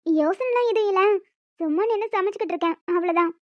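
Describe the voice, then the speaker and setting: A woman doing a very high, feisty cartoon young wife. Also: quick pace, no room sound, highs cut off. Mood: flustered scolding. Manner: scolding, flustered pleading. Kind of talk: cartoon voice acting.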